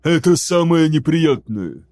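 A man voicing a battered, weary warrior-prince in an audiobook, speaking gruffly and tersely through clenched teeth. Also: a little high, normal speed, a little mellow, natural voice. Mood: weary, defiant.

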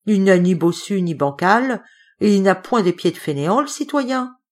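A woman's voice: medium pitch, expressive, moderate pace, close to an everyday voice. A woman voicing a sly male forest bandit who speaks in rustic dialect.

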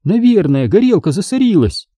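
A man voicing a distracted, stern mother who speaks curtly and high. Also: very animated, moderate pace, warm tone, slightly rough, no echo, studio quality, heavily acted. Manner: curt, dismissive.

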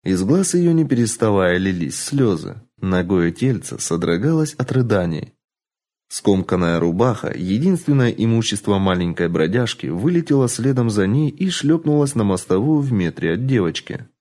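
A man narrating an audiobook in an expressive, dramatic storytelling manner. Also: fairly low pitch, moderate pace.

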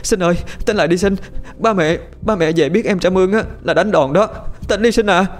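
A man voicing a panicked young older sister who searches for her brother, pleading in a high, frantic voice. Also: fast talker, darkish tone, natural voice.

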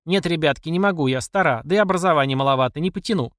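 A man's voice: a little high, racing, no echo, clean studio sound, voice pushed up, natural voice. A man voicing an outspoken older village woman who scolds and rallies a crowd in a folksy way. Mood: scolding.

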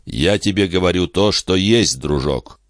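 A gruff, grave older farmer, as a male audiobook reader voices him. He speaks tersely in a very low voice, stern and grumbling. The recording is dry and close. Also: a little slow, dry recording.

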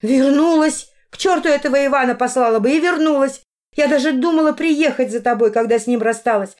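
A woman's voice: sits high, fast, a little mellow, pitched above the performer's own voice, close to an everyday voice. A woman voicing an emotional middle-aged mother who pleads and flares up in anger. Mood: indignant. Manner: pleading, agitated outbursts.

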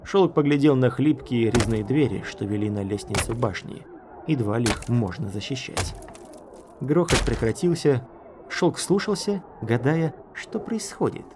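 Male audiobook narrator, mid-pitched, measured pace, faint background noise. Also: animated. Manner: measured storytelling.

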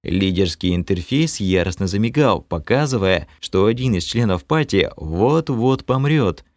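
Lively low-voiced male audiobook narrator. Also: unhurried, no echo, studio quality. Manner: animated reading with lively shifts of tone. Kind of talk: first-person audiobook narration.

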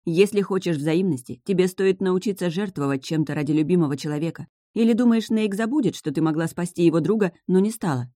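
A woman's voice: fairly low pitch, fast, few pauses, warm tone, dry recording, clean studio sound, natural voice. A woman voicing a bold young mermaid heroine who speaks urgently and insistently.

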